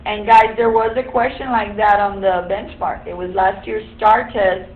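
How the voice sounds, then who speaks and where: A woman's voice: medium pitch, fairly even intonation, moderate pace. Woman teaching in an echoey classroom. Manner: explains step by step, quizzes the class. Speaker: high school algebra teacher. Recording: echoey room, tinny phone-like sound.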